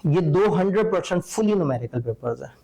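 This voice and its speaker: A middle-aged male teacher, explaining an exam syllabus to students. He talks in a relaxed, conversational lecture style, wry and opinionated. His voice sits a little high for a man. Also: a little fast, gravelly.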